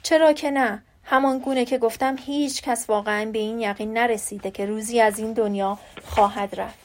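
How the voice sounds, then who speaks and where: A woman voicing a gentle, wise old male professor who is dying, speaking softly and reflectively in an audiobook. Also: a little high, steady tone, slight background noise, natural voice.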